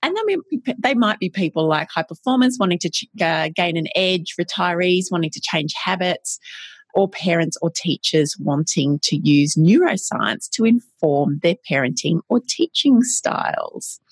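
A woman's voice: lowish voice, animated, moderate pace, husky, no echo. A woman hosting a podcast interview, asking thoughtful, meandering questions in a conversational way. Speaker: podcast host.

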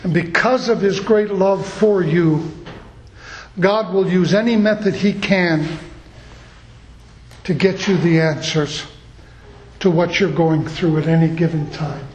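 High-voiced preacher in an echoey church. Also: male voice, fairly even intonation, slow pace, long pauses. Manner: earnest, storytelling. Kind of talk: sermon.

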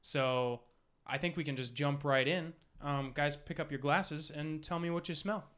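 A man's voice: on the high side, moderate pace, fairly bright tone. A man leading a blind whiskey tasting with friends in casual chat, laughing often and poking fun at himself. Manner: chatty, laughs often, self-deprecating.

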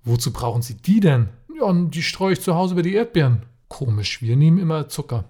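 Here a podcast co-host reads jokes aloud in casual chat, often dissolving into laughter as he goes. His voice leans high and is expressive, fairly quick, mellow, and husky.

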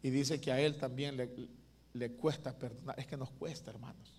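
A man preaching a sermon as pastor, asking the congregation questions and swinging from loud calls to hushed asides. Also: medium pitch, steady tone, moderate pace, breathy edge.

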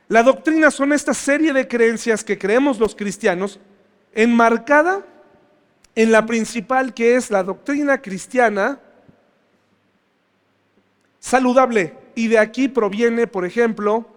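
High-voiced pastor preaching in a reverberant church. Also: male voice, unhurried. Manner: conversational, asks the congregation questions. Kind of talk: sermon.

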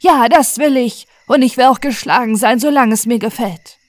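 A woman voicing a weak, starving young man who talks in a hoarse, feeble voice and wails and pleads. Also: on the high side, measured pace, darkish tone, no room sound, voice pushed up, natural voice. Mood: defiant. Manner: wailing, pleading.

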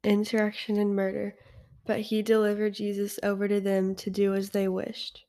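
A young girl reading scripture aloud, soft and a little hesitant. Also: medium pitch, completely flat delivery, normal speed.

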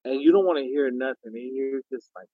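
A man's voice: medium pitch, fast, no room sound. Muffled man rambling, as if through a wall. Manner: rambling, stammering restarts, frequent chuckles. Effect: muffled, dull sound, as if heard through a wall. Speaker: podcast co-host. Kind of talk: casual podcast chat. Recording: muffled, dull, dry sound.

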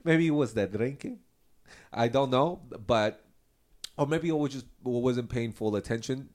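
A man's voice: mid-range voice, unhurried, a little mellow. A man in his thirties talking candidly in a casual personal monologue, rambling and restarting his sentences, with light laughs at his own remarks. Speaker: host.

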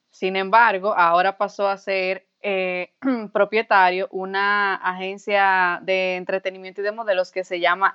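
A young woman with a Dominican accent, a podcast guest explaining things in an articulate, measured way. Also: medium pitch, a bit bright, clean tone. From Dominican Republic. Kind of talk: casual interview talk. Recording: slightly dull lo-fi audio.

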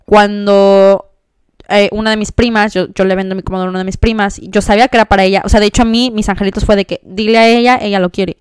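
A Mexican woman hosting a podcast, telling a personal story in a chatty, expressive way with many fillers. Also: medium pitch, fast talker, clean tone, dry recording. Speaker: podcast host. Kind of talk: casual storytelling monologue.

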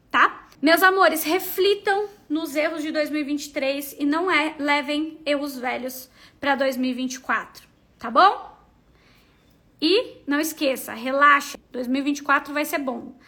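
A woman's voice: high voice, gravelly, pushed and bright. A Brazilian woman hosting a podcast and giving love advice in a casual, emphatic, teasing way, speaking straight to the listener.

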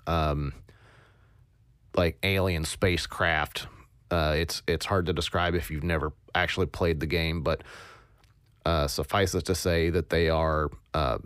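A man in the role of sound designer, explaining his process in a casual tutorial with a low, monotone voice, hesitant and thinking aloud. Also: clean tone, no room sound, studio quality.

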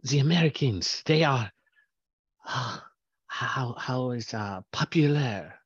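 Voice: medium pitch, animated, takes it slowly, breathy edge, exaggerated voice. A performer playing a timid, nervous young French intern in an improvised comedy sketch. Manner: timid, pleading. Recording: dull lo-fi sound.

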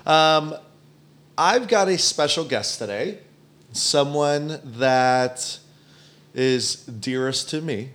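A man's voice: fairly high pitch, animated, extremely slow, fairly bright tone. A young man hosting a podcast, chatting casually and playfully teasing his guest. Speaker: podcast host.

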